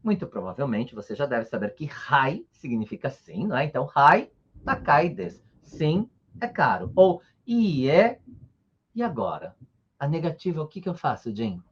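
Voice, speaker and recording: A husky-voiced man, teaching with a lively, animated rise and fall in his pitch. He is patient and checks in often with short tags. The recording sounds dull and lo-fi. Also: normal speed. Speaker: Japanese teacher. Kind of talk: online language lesson.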